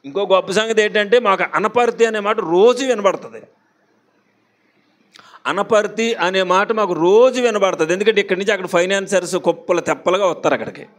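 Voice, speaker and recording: A pastor with a Visakhapatnam accent, preaching a sermon to a congregation in a chatty way, often putting questions to them. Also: male voice, sits high, brisk, a bit bright. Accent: Visakhapatnam Telugu. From Andhra Pradesh, India.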